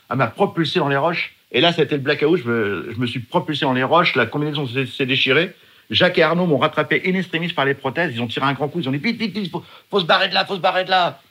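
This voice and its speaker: Fast, vivid male storyteller. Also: mid-range voice. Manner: vivid, emphatic, acts out shouted quotes. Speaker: guest telling his story. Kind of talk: dramatic personal storytelling.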